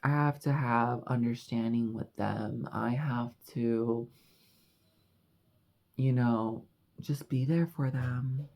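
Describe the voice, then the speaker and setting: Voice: medium pitch, steady tone, takes it slowly, a little mellow. A vlogger talking casually and reflectively into the camera, rambling and confessional, full of "like" and "you know.". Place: house in Mexico.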